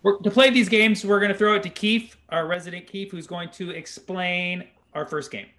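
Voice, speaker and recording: A man hosting a casual interview over a video call, easygoing and quick to laugh. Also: sits high, steady tone, sharp tone. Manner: easygoing, laughing, repeats himself. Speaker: show host.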